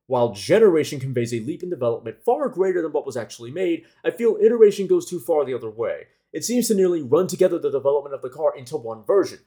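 A man reading his own analytical essay aloud as a car enthusiast, careful and argumentative, pausing to correct small slips. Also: a little high, big pitch swings, dark tone.

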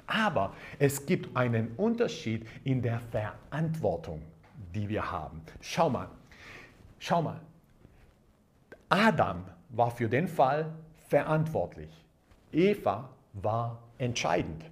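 A man's voice: mid-range voice, sing-song, slow pace. Male preacher, sermon delivery, emphatic and repetitive, hallelujahs and amens. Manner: emphatic, repeats key phrases, calls out hallelujah and amen.

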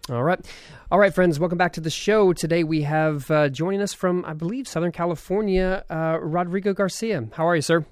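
A man's voice: on the high side, a little fast, hardly any pauses, clear, resonant tone, dry recording, soft background music. A man hosting a podcast, chatting casually and rambling with many fillers. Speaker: podcast host.

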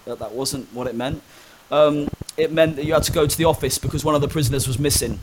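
A fairly high-pitched young man talks at a quick pace, with a little hiss or hum on the recording. He's an interview guest openly relating personal stories, hesitant and full of ums and restarts.

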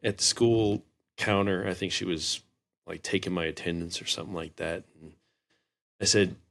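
Low, gravelly man co-hosting a podcast. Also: fairly even intonation, normal speed, a bit bright. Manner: laid-back storyteller, laughs at himself. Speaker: podcast co-host. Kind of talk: casual podcast banter.

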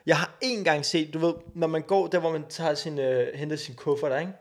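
Twenties, Danish accent, gravelly podcast co-host, animated storyteller who swears freely. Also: male voice, fairly high pitch. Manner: acts out voices in his stories, swears freely. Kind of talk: casual chat, animated storytelling.

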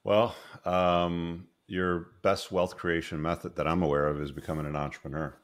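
A man hosting a casual group video call, talking in a relaxed, slangy way with casual swearing. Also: low-pitched, moderate pace. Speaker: host.

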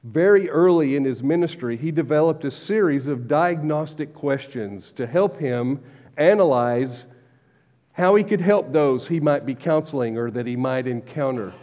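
A man preaching a sermon as pastor, measured, slowing down to stress key words. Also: on the high side, expressive, mellow. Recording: dull lo-fi recording with long hall reverb.

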